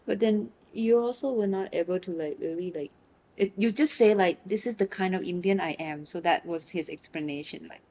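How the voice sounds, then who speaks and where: A woman from Thailand, whose first language is Thai, chatting in an interview in a lively way that gets animated when she tells a story. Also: lowish voice, normal speed, rough recording. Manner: lively, animated when telling stories, laughs. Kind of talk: casual interview chat.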